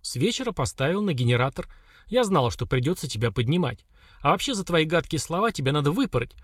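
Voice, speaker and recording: A man voicing a calm, blunt young woman fighter who speaks curtly and matter-of-factly. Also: on the high side, quick pace, husky, no room sound. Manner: curt, matter-of-fact.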